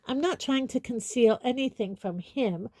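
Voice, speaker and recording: A woman's voice: fairly high pitch, moderate pace, darkish tone, dry recording, voice pushed up, lightly acted. A woman voicing an arrogant, defensive teenage boy who snaps angrily. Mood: angry, defiant. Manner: angry, snappish.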